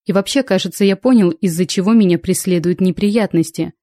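A woman's voice: fairly low pitch, brisk, dark tone, no echo, studio quality, natural voice. A woman voicing a stubborn, lovestruck male space pirate in an audiobook, speaking in a coaxing, self-assured way.

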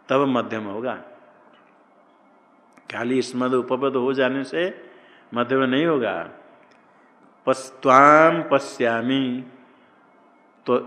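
A man teaching Sanskrit grammar in a slow classroom lecture, posing questions and answering them himself. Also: medium pitch, fairly bright tone. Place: ashram classroom. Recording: long hall reverb.

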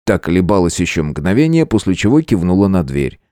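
A man narrating a first-person adventure audiobook in a steady, measured way. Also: sits low, no echo, clean studio sound.

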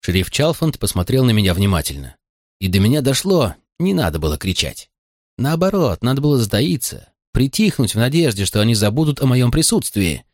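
A man narrating a novel in an expressive first-person manner, his pitch moving in lively swings. He sits at a middling pitch, and the recording is dry and close with no room sound. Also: a little fast, dry recording. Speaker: audiobook narrator.

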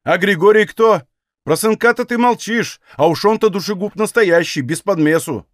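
A man's voice: high voice, moderate pace, no room sound, studio quality, natural voice. A man reading as a stubborn, blunt young Cossack who answers in folksy rural speech.

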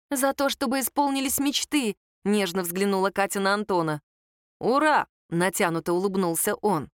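A woman's voice: mid-range voice, dry recording, clean studio sound. A woman narrating a story as an audiobook, lifting her voice when she quotes the characters.

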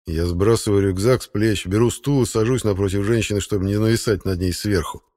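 As an audiobook narrator, a man reads a first-person novel aloud in a steady, matter-of-fact storytelling manner. His voice is on the low side and he reads a little fast.

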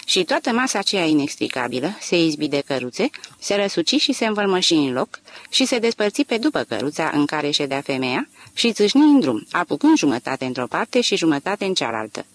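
A woman narrating a literary audiobook with an expressive, dramatic reading. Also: low voice.

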